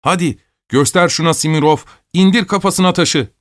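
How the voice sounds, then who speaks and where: Male reader doing a pack of yelling, taunting young schoolboys, raised pitch, very dry recording. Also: big pitch swings, moderate pace, dry recording. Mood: jeering, shouting. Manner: shouting, taunting. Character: excited jeering schoolboys around eleven.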